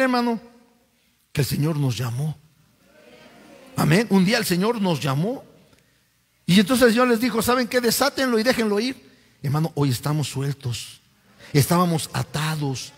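A man preaching a fervent sermon with a Mexican accent, swinging between loud rising calls and low drops, often calling out to the listeners. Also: husky, in a large hall. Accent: Mexican Spanish. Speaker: pastor. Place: church.

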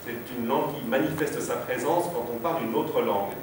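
A man's voice: mid-range voice, a little fast, background noise. A man giving a lecture-performance, speaking hesitantly with many fillers and restarts. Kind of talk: lecture-performance with sound poetry readings. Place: exhibition hall at a foundation. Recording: very echoey hall, distant mic.

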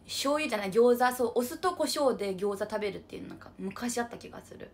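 A woman's voice: on the high side, animated, fast talker, a little hiss or hum. Bubbly young woman chatting on a livestream. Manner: bubbly, refers to herself with an unusual cutesy pronoun. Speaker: livestream idol host. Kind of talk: casual livestream chat reading comments.

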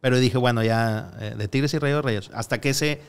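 Smooth-voiced man telling stories. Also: mid-range voice, fairly quick. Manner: rambling storyteller, frequent hesitations and acted-out quotes. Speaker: podcast guest. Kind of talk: casual podcast conversation.

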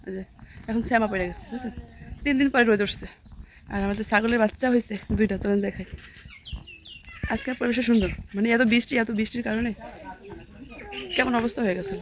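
A young woman vlogging casually from her rural home, a little hoarse, chatting quickly and cooing at a small child. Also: fairly high pitch, fairly even intonation, slight background noise. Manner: rapid chatty talk, coos loudly at a small child. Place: rural home, indoors and yard.

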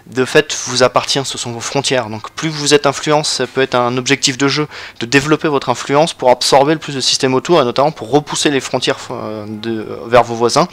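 Showing a strategy game in his let's play, a man with a medium-pitched, slightly bright voice is losing his voice. His remarks come out casual and hesitant, peppered with fillers and restarts.

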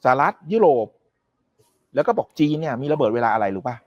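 A man's voice: medium pitch, very animated, fairly quick, no echo, highs cut off. A man giving a casual, emphatic talk as an economic commentator. He makes firm predictions and keeps checking whether the listener follows him.

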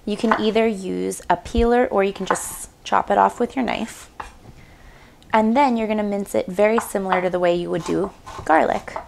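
Here the cooking show host sounds gravelly, her mid-range voice moving at a moderate pace against a noisy background. She's in her twenties, demonstrating home cooking in a small kitchen on a lapel mic, chatty and upbeat with playful asides.

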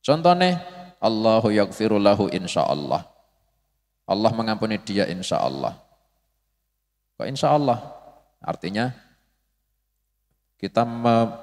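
A man giving a religious study lecture, explaining slowly and acting out prayers in a raised, pleading voice. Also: on the low side, a little mellow. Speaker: religious teacher. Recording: long hall reverb.

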